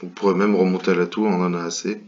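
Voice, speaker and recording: Man from France, deep voice, hesitant casual commentator of bridge games, muffled home mic. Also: level tone, fast, darkish tone, a little hiss or hum. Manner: hesitant, many fillers and restarts.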